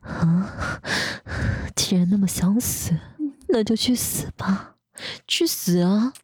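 A woman playing a cruel, commanding young woman in a breathy whispered role-play, sneering and taunting her listener. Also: medium pitch, slow pace, a little mellow, dry recording, studio quality. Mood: contemptuous.

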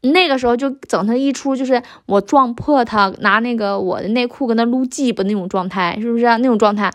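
A woman's voice: fairly high pitch, fairly quick. A woman with a Northeastern Mandarin accent telling an explicit personal story in a crude, heavily profane, boastful manner. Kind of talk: explicit confessional monologue.

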